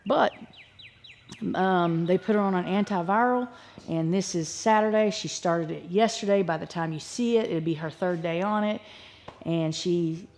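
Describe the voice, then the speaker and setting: Outdoors on her farm, a woman rambles in a casual, folksy homestead vlog, thinking aloud as she goes. She speaks at a moderate pace in a lowish, slightly mellow voice.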